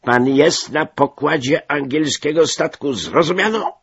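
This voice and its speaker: A man voicing a furious, bullying English ship captain who shouts his orders. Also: on the high side, measured pace, vocal fry, husky, dull audio, pitched above the performer's own voice, exaggerated voice. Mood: furious shouting.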